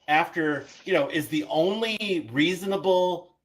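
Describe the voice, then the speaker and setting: Brief: male caller, unhurried and halting, earnest questions on a live stream. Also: fairly high pitch, low-quality recording. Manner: slow, hesitant, earnest questions. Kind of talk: casual live-stream call-in.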